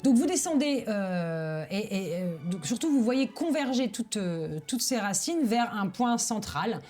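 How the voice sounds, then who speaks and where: Woman game master narrating over soft music. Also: on the high side, very animated, a little slow. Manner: hesitant, searching for words, descriptive. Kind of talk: improvised tabletop game narration.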